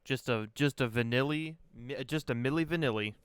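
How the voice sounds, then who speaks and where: A man's voice: medium pitch, normal speed, smooth, no room sound. A man co-commentating a card game tournament, trading playful jokes with his partner. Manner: playful, jokey banter. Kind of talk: casual joking commentary.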